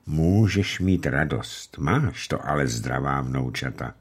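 A man's voice: extremely low pitch, expressive, husky, voice pushed down, full character voice. A man voicing a gracious noble lady, a princess, who speaks politely and a little condescendingly.

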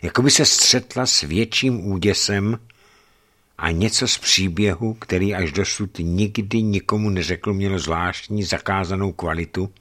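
A man with a very low voice reads a novel aloud. He tells it slowly and gravely, weighing each sentence. The delivery is steady literary narration. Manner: measured, grave storytelling. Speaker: audiobook reader.

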